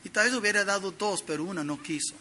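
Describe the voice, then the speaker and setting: A middle-aged man preaching an expository sermon, teaching earnestly and swinging between loud emphasis and soft, quiet drops. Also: high voice, fast talker, a little hiss or hum.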